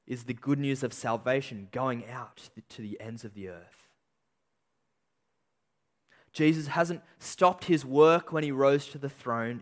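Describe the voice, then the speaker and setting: A man preaching a sermon with an emphatic delivery, slowing on key phrases and swinging between loud peaks and quiet endings. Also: mid-range voice. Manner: emphatic, rising and falling delivery with slow stressed phrases.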